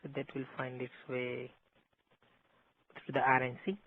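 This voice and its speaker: A man's voice: mid-range voice, monotone, a little slow, slight background noise. A man giving a methodical technical lecture, heard over a landline phone as an instructor explaining step by step. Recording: tinny landline phone line.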